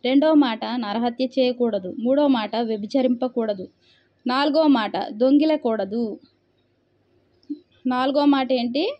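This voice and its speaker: A woman's voice: a little high, a little slow, pauses often, highs cut off. A woman preacher reading scripture aloud and explaining it, asking rhetorical questions and answering them herself. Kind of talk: Bible reading and sermon.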